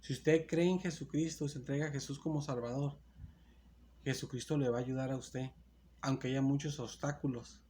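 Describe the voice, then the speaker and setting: A man's voice: mid-range voice, steady tone, moderate pace, dark tone, slight background noise. A man preaching a sermon, reading Bible verses aloud and retelling them in earnest, repetitive phrases, often correcting himself. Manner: reads scripture aloud, then retells it.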